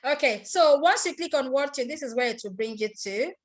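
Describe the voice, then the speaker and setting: Speaking through a computer mic, a Nigerian instructor with a somewhat high, expressive voice runs a brisk live screen-share tutorial. Igbo is her first language, and she works through each step in order, repeats key points and pauses to question attendees.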